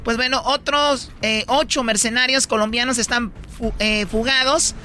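A man's voice: very high voice, fairly even intonation, moderate pace, sharp tone. A man with a Mexican accent hosting casual news commentary. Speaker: talk show host.

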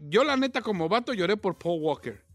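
A man's voice: high-pitched, big pitch swings, fairly quick, a bit bright, no echo, faint music behind. A man co-hosting a casual comedic chat, joking and mocking the others. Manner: jokey, mocking, laughs easily. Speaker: co-host.

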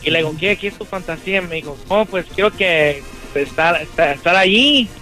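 High-voiced male caller, bright delivery. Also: soft background music. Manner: halting, repeats words. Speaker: phone-in caller. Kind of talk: casual call-in chat.

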